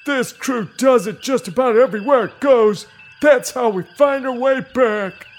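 A man's voice: very high voice, a little slow, soft background music. A man voicing a sarcastic horse who serves as a crew officer, sniping drily in a comedy audio sketch. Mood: exasperated. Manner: dry, exasperated sniping.

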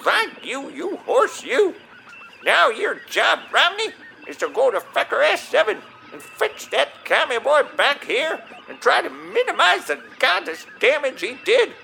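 A man playing a gruff, blustering old commodore who sounds like a grubby prospector, barking folksy orders in a comedy audio sketch. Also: very high voice, huge pitch swings, a little slow, pushed and bright, slight background noise, heavily acted, poor audio. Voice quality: gravelly, twangy old-timer bark.

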